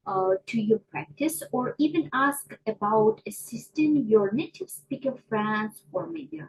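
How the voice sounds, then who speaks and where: A woman teaching English pronunciation to a class, slow and deliberate, often checking in with her students. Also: on the high side, a little mellow, poor audio. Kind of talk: online micro lesson.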